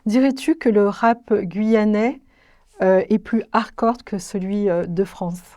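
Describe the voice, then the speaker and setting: A woman's voice: medium pitch, steady tone, slow pace, warm tone, no echo, clean studio sound. A woman interviewing a guest, asking polite questions and giving short affirming replies.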